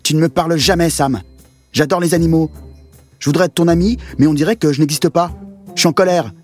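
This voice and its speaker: A man's voice: mid-range voice, fairly even intonation, brisk, a little mellow, faint music behind, lightly acted. A man doing a cross, lonely little schoolgirl. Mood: angry. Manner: upset, pleading.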